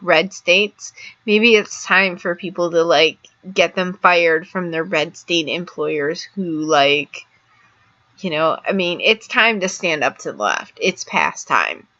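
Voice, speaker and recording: A woman giving casual political commentary with sarcastic outbursts, slow rambling asides and many fillers like "um" and "like". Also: fairly low pitch, pushed and bright, muffled recording. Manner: frequent "like" and "um" fillers.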